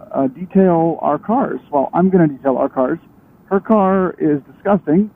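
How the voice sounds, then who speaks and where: A young man chatting casually and in a rambling way while riding a motorcycle, his voice muffled inside a helmet. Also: fairly high pitch. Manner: rambling, conversational, self-interrupting. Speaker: motorcycle vlogger. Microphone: helmet microphone. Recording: thin radio-like sound inside a helmet.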